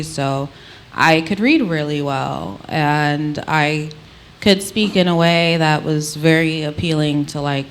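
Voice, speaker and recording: Woman, Antiguan accent, low register, candid interviewee telling her own story, light ambient noise behind her. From Antigua, Caribbean. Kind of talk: reflective personal storytelling in conversation.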